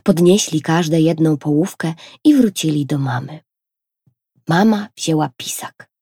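A woman reading a children's story aloud in an expressive, gentle way. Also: low-pitched, measured pace, husky, no echo, studio quality.

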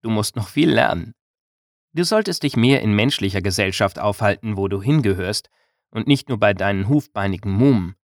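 A man's voice: lowish voice, expressive, normal speed, no echo, studio quality. A male narrator voicing a bold, playful young village woman in an audiobook. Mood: teasing. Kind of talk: audiobook character reading.

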